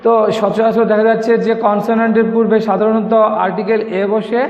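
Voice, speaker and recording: A male English teacher from Bangladesh giving an online grammar lesson, speaking slowly and patiently and repeating words for his students. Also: high voice, level tone, a little mellow. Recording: echoey room, dull lo-fi sound.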